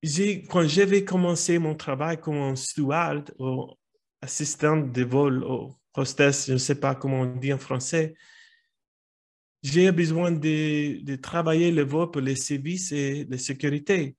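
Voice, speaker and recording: A man who grew up in the United States with Italian as his first language, telling a personal story in French with an American English accent, halting and often restarting his phrases. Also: fairly high pitch, fairly even intonation, darkish tone. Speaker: speaker at a language club meeting.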